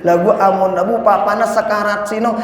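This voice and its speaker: A man preaching an animated sermon, speaking straight to his congregation and chanting lines of the creed. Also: high-pitched, fairly quick. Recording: echoey hall.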